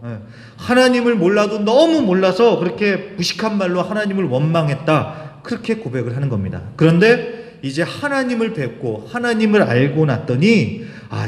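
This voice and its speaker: A man preaching a sermon as pastor in a church, in a chatty style that asks the congregation questions and acts out quotes. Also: fairly high pitch. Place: church sanctuary. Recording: roomy church hall with long reverb.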